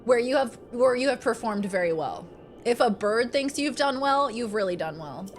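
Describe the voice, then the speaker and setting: A woman with a fairly high voice chats through a live game stream. She is playful, silly and expressive in her casual commentary. Game music plays clearly behind her. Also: normal speed.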